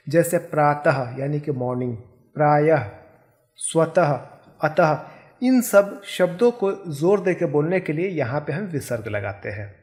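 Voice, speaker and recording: A man's voice: a little high, darkish tone. A man teaching a Hindi grammar lesson, patiently spelling out sounds and example words one at a time.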